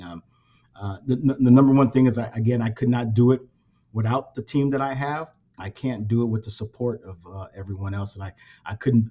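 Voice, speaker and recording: Speaking in a mellow, medium-pitched voice, a Californian-raised man in his fifties whose first language is Spanish gives a casual interview as a company president. He uses many fillers and restarts, and the recording has a dull lo-fi quality.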